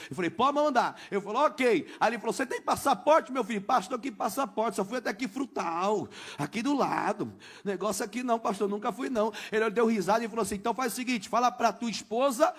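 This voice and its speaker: A man in his thirties, a missionary pastor telling his story in a church sermon, acting out each exchange and building to shouts. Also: sits high. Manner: animated storytelling, acts out dialogue, builds to shouts. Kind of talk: testimony sermon.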